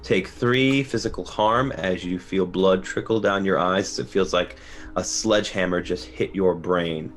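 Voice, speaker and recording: A low-pitched male game master guides players through a horror tabletop session, describing scenes and calling for rolls. His deep voice sits over faint background music. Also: measured pace. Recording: music under the voice.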